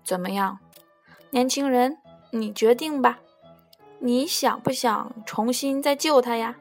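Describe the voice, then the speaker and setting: A woman voicing a wise old male heron in a storybook, calmly questioning like a judge. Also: fairly high pitch, a little slow, faint music behind. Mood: earnest. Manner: calm, earnest questioning. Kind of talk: storybook character voice.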